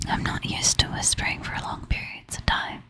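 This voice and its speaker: A tired woman whispering softly and slowly to the listener in a relaxed, intimate ASMR chat, sometimes slipping into a soft half whisper. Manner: soft, slow, intimate whispering with gentle laughs. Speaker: ASMR creator.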